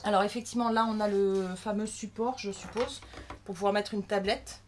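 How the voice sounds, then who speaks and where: A woman's voice: medium pitch, steady tone, normal speed, a little hiss or hum. A woman from France giving casual, chatty unboxing commentary, thinking aloud as she handles a new crafting machine. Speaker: crafting vlogger.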